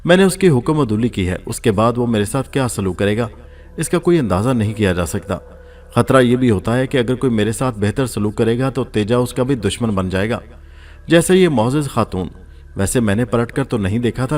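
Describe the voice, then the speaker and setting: A man's voice: mid-range voice, animated, a little mellow. Man narrating a story in first person. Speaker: audiobook narrator.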